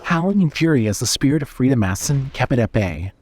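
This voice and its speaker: A man narrating a horror story in a steady, suspenseful reading style. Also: medium pitch, fast.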